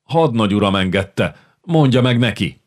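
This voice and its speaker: A man's voice: fairly low pitch, expressive. A man voicing a teenage boy begging his older brother in an audiobook. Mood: pleading. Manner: pleading.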